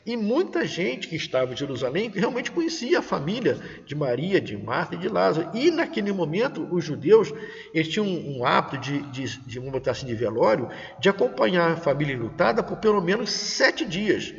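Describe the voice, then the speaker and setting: A man's voice: fairly high pitch, fairly quick, vocal fry. A man leading a Bible study in a church, reading verses aloud and explaining them in plain conversational words. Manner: lively, swinging intonation with stressed words. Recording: dull sound with long reverb.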